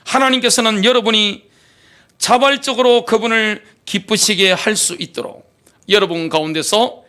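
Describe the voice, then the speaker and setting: A man's voice: high voice, moderate pace, pushed and bright. A middle-aged man, a pastor, preaching a sermon animatedly with many rhetorical questions. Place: church sanctuary.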